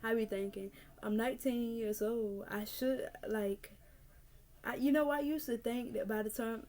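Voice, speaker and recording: A nineteen-year-old North Carolina vlogger, speaking in a mellow mid-range voice, talks earnestly to her camera. Using the camera mic in a casual vlog, she repeats her points to encourage whoever's watching.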